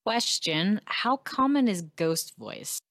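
A woman plays a tabletop roleplaying game, talking casually with a lively, swinging pitch. She sounds tentative and questioning as she works out her moves. The recording is dry and close. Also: slow pace, gravelly, no echo.

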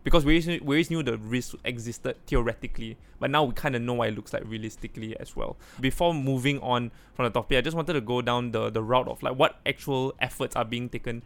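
Creaky-voiced man hosting a chat. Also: medium pitch. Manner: measured, hedges with "kind of" and "like". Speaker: host. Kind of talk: casual discussion hosting.

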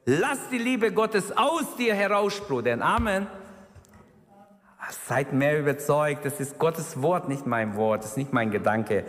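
A man's voice: fairly high pitch, animated, a little slow, fairly bright tone. A man preaching a sermon with fervent, emphatic delivery and exclamations of praise. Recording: reverberant hall.

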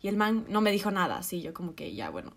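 A woman, co-hosting a podcast and telling a story in a lively, laughing way with slang and quoted asides. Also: medium pitch, quick pace, vocal fry. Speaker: podcast co-host. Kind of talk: casual storytelling chat.

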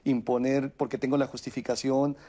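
A man's voice: mid-range voice, flat delivery, moderate pace, dark tone. A man, a talk show guest explaining his views thoughtfully, with many fillers and restarts. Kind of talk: conversational explanation.

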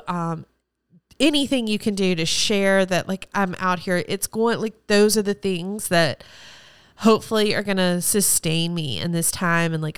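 A woman's voice: medium pitch, fairly bright tone, clean tone, no echo, clean studio sound. A woman hosting her own podcast, talking alone in an effusive, rambling and emotional way. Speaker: podcast host; former teacher. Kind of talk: solo podcast monologue.

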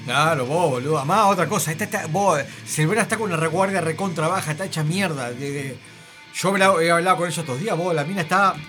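A man's voice: a little high, fast talker, bright, forceful tone, soft background music. A man hosting a radio show, telling a story in a rambling, emphatic way with lots of filler words. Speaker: radio host. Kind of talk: casual radio banter.

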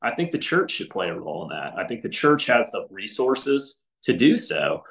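A man's voice: mid-range voice, sing-song, normal speed, vocal fry, a bit bright, poor audio. A man as a podcast guest, talking earnestly in casual conversation with frequent restarts and filler words.

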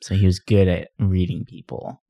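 A man with a fairly low voice chats casually as a podcast co-host. He tells stories with energy and slips into voices when he quotes people. The sound is dry and close, with no room around it. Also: moderate pace, creaky, no echo. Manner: animated storyteller, puts on voices in retellings.

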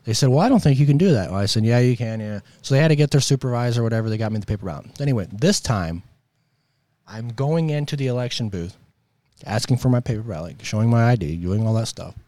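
American man with a sore throat, dark-toned. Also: lowish voice, fast talker, no echo. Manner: emphatic, exasperated, colloquial. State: sore throat with coughing and throat clearing. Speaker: host of a political commentary show. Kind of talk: opinionated political monologue.

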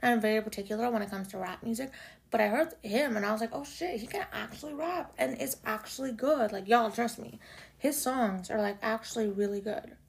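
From a home room in Toronto, a young Canadian woman hosts a casual solo podcast, talking loosely, swearing, and filling her speech with "like" and "y'all." Her low, raspy voice has heavy vocal fry and a slightly raised pitch for a woman, and she speaks a little fast.

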